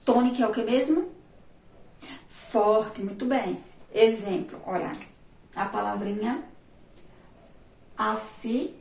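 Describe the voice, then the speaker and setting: A woman teacher from Brazil giving a remote lesson for young children, patiently repeating words slowly, syllable by syllable. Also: mid-range voice, warm tone. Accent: Sergipe Brazilian Portuguese. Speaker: primary school teacher. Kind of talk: remote class lesson at a board. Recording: echoey room, recorded from a distance.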